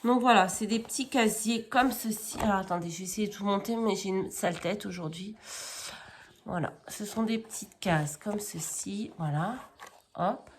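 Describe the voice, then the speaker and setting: This medium-pitched woman, a crafting vlogger, shows items at home in a chatty, relaxed haul video, meandering and correcting herself with plenty of fillers. A faint hiss or hum sits under the audio.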